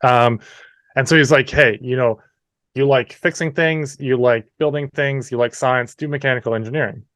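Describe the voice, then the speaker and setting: A man in his thirties from New Brunswick, with a Canadian accent, tells his story as an interview guest, friendly and chatty with frequent "you know" asides. His voice is mid-range, steady and a bit bright, at normal speed, with no room sound.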